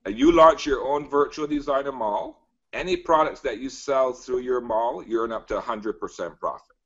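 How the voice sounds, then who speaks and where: A man from Barbados giving an emphatic sales pitch as a guest, repeating phrases and filling pauses with "you know" and "uh". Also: a bit bright. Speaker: guest business presenter. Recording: dull lo-fi audio.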